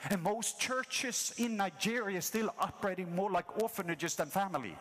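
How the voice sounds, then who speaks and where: A man's voice: sits high, moderate pace, fairly bright tone. A man who grew up in Norway, preaching an impassioned sermon to a congregation. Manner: impassioned, repetitive preaching cadence. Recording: long hall reverb.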